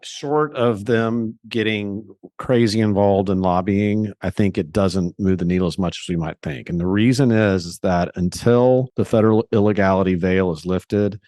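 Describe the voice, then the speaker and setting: An investor appears as a guest in a conversational interview, answering in a fairly low, warm voice. He explains things in a measured way but often restarts his sentences, and the recording is close and dry.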